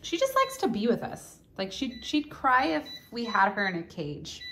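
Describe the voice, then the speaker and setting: A woman's voice: a little high, huge pitch swings, moderate pace, creaky, fairly bright tone. A young woman chatting casually in a home vlog, bubbly and a little tired, laughing often. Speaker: vlogger. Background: music.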